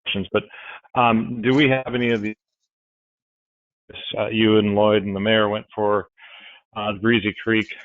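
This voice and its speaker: Male council member on a glitchy, breaking-up remote line, tinny and phone-thin, low and flat delivery. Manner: halting, with frequent fillers. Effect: voice breaking up and cutting out on a bad call connection. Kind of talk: remote council meeting question. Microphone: remote call.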